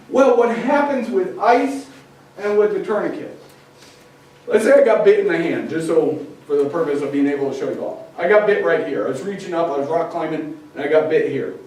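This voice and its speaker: A man with a fairly high voice gives a lively public presentation, acting out little scenes with humor. He sounds far from the mic in a very echoey room, with faint noise behind him. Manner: lively, acts out scenarios with humor. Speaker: wildlife educator giving a public talk. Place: lecture room with an audience.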